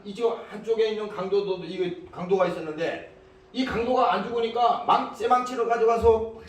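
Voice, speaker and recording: A man's voice: sits high, a little mellow. A man preaching a sermon as pastor. He reads scripture, then breaks it down in plain speech and asks the congregation frequent rhetorical questions. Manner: switches between scripture reading and casual speech. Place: church sanctuary. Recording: very echoey hall, mic far off.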